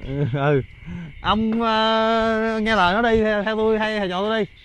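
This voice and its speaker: A man doing excited commentary outdoors for a ghost-hunting vlog, stammering and repeating words in bursts. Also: high voice, moderate pace, clean tone.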